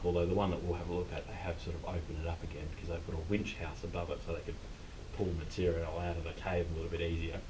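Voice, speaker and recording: Male Australian cave tour guide, low register, casual and explanatory, recorded at a distance with some rumbling noise. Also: a little mellow. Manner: informal, unscripted explaining. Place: inside a limestone cave. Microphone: distant camera mic.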